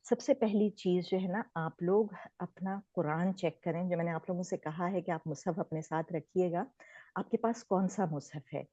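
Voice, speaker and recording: A woman's voice: fairly low pitch, dark tone, no room sound. A woman from Pakistan giving an informal online recitation lesson, explaining conversationally and mixing English words in. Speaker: Quran recitation teacher. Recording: dull lo-fi sound.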